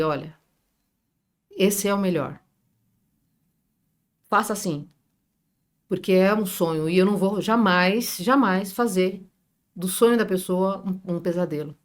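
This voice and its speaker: Middle-aged Brazilian woman, São Paulo accent, expressive podcast guest who acts out quotes and jokes. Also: mid-range voice. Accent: Brazilian Portuguese, São Paulo area. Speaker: real estate business owner, podcast guest. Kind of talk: emotional storytelling in a podcast interview.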